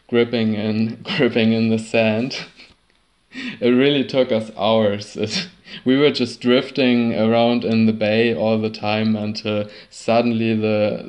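A man telling a personal sailing story in a halting way, often repeating and restarting words. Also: lowish voice, darkish tone. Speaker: sailor recounting a trip.

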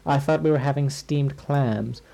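A stern, suspicious cartoon superintendent, as a man puts him on, clipped and gruff. His tone stays dry and skeptical throughout. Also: mid-range voice, a little slow, dark tone. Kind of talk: recited cartoon impression.

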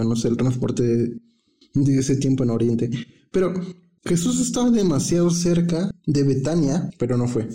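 A man with a Mexican accent talks through a Bible passage in a relaxed, chatty way. His voice is dark and mellow, with slang dropped in as he thinks aloud. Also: mid-range voice. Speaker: preacher. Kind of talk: informal Bible teaching.

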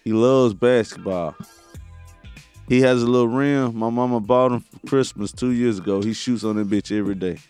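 A man co-hosting a podcast in relaxed, profane chat, laughing often. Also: medium pitch, normal speed, smooth, soft background music. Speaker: podcast host.

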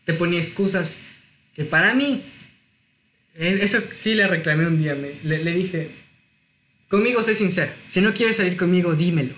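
Young man, high voice. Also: slight background noise. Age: 20s. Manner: confessional storytelling, lively and self-mocking. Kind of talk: casual chat.

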